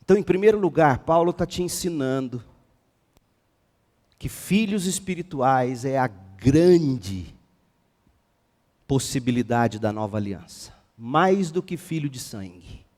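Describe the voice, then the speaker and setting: A male pastor with a Brazilian Portuguese accent, preaching a sermon with passion, swinging between hushed and forceful. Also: mid-range voice, expressive, unhurried, long pauses, in a large hall. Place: church sanctuary.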